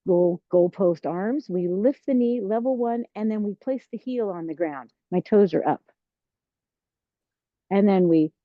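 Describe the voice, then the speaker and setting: A woman's voice: mid-range voice, muffled recording. Serene woman tai chi instructor, roomy sound. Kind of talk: guided tai chi class cues.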